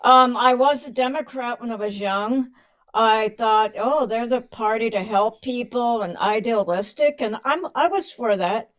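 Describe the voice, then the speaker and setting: A woman in her seventies calls in and chats in a folksy, homey way. She addresses the host as honey. Her voice sits a little high. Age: 70s. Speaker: caller. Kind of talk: casual call-in chat.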